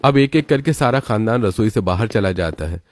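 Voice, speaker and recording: A man's voice: fairly low pitch, animated, normal speed, a little mellow. A man giving scripted storytelling narration for a cartoon.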